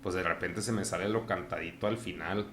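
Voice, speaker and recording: Bright-voiced northern Mexican man chatting. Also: deep voice, fairly even intonation, brisk. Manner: laughs often while mimicking phrases. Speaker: podcast guest. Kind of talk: casual chat.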